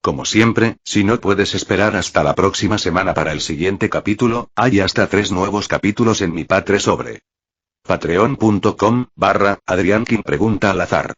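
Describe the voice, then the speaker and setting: A man narrating a first-person fan fiction story in an even, steady reading voice, with a husky tone. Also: low voice, normal speed. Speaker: fanfic reader and narrator. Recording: dry, slightly muffled recording.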